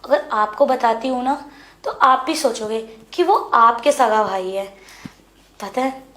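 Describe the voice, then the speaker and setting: A woman playing a frustrated young married woman who pleads with her brother-in-law, insistent and hushed. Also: on the high side, unhurried. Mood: pleading. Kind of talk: Hindi web series dialogue. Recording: echoey room.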